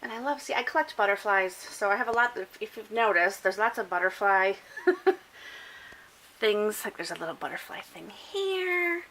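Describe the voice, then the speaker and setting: A woman's voice: mid-range voice, animated, moderate pace, a bit bright, slight background noise, low-quality recording. A middle-aged woman from upstate New York chatting casually as she films a tour of her home library, with lots of fillers and self-corrections. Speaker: booktuber giving a bookshelf tour. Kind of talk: casual chatty vlog narration. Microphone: handheld camera while filming shelves.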